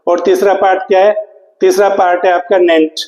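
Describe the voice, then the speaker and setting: A man's voice: sits high, level tone, brisk, a little mellow, reverberant, big-room sound, low-quality recording. A man teaching English spelling to exam students, spelling words out letter by letter and asking the class questions he then answers himself. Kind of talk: exam prep lecture.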